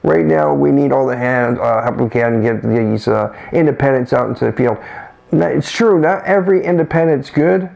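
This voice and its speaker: A man's voice: medium pitch, normal speed, creaky, darkish tone, muffled recording. A man co-hosting a casual chat, rambling along with frequent restarts. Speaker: co-host.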